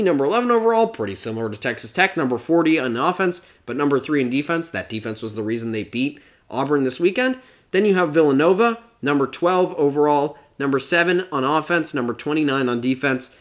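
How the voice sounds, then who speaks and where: A man with a fairly high voice breaks down college basketball in casual talk. He is opinionated and reels off stats. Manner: opinionated, reels off rankings, laughs now and then.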